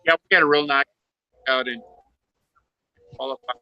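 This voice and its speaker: A man's voice: fairly high pitch, fairly even intonation, measured pace, vocal fry, lo-fi sound, a little hiss or hum. A man chatting casually over a video call, his audio choppy and breaking up as the connection drops. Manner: folksy, rambling, with many fillers. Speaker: competitor in a model plane contest.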